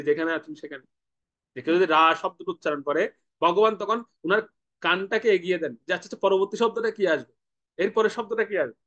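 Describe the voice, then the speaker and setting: High-voiced man giving a devotional sermon. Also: fairly bright tone, highs cut off. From Bangladesh. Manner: explanatory, asks rhetorical questions and has listeners repeat words. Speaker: preacher.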